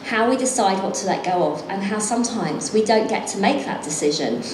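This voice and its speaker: Fairly quick and expressive, a middle-aged woman with a mid-range voice reads from her book, then moves into conversation as a guest at an event venue. Reverb and background noise fill the recording, and she keeps laughing and downplaying herself.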